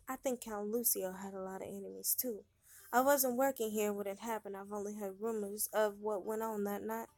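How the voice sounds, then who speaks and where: A woman's voice: mid-range voice, darkish tone, no room sound, close to an everyday voice. A woman voicing a friendly, teasing young servant woman in a story game, in a playful, confiding manner.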